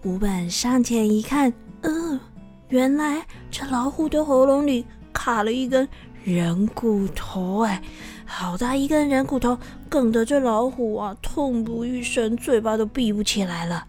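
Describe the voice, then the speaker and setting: A woman with a Taiwanese Mandarin accent narrating a folk tale for children in a lively, expressive way. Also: a little high, measured pace, faint music behind. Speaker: storyteller.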